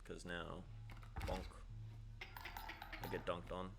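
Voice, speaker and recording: A man's voice: low-pitched, sing-song, measured pace, creaky, over loud music. A man giving casual, playful commentary while playing a card game, thinking aloud and bursting into squeals and laughter. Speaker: gameplay streamer.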